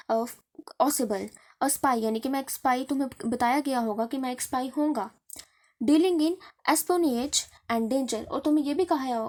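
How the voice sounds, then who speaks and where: A woman teaching a story line by line, reading the English slowly and explaining it in Hindi, often asking and answering her own questions. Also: on the high side, a little mellow. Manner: reads English text slowly, then explains in Hindi with many fillers.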